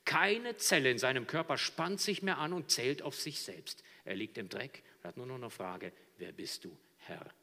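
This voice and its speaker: A man preaching a sermon, swinging dramatically between hushed near-whispers and loud, soaring shouts. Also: medium pitch, animated, normal speed, few pauses, big-room sound.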